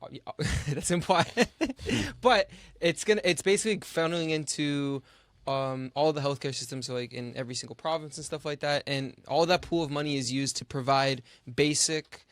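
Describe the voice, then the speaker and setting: A man's voice: a little high, moderate pace, dry recording. Hesitant man, casual panel talk. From Canada. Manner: hesitant, many likes and restarts.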